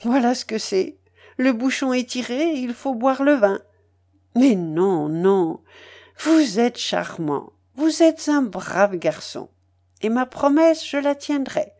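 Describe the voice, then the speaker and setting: A woman voicing an imperious, mocking young aristocrat in a read-aloud novel, higher and brighter than her narration. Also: lively intonation, slow pace, exaggerated voice. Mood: playful. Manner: commanding, mocking, playful.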